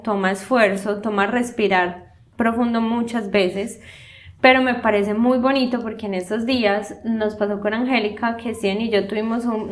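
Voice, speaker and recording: A woman, co-hosting a casual talk and telling a family story with lots of fillers. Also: on the high side. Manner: storytelling, animated, many fillers. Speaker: podcast co-host. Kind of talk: casual conversation.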